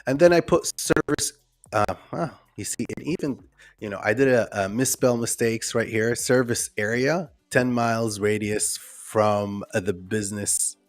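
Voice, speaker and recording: A man whose voice sits on the low side talks a little slowly, with no room sound, while presenting a live online workshop. He is not a native English speaker, and he rambles conversationally with frequent ums and restarts, reading out comments from viewers.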